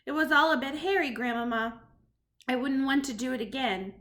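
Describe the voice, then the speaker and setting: An eager young boy bursting with excitement, as a woman reading a storybook puts him on. His voice is pushed very high and bright. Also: normal speed. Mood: earnest.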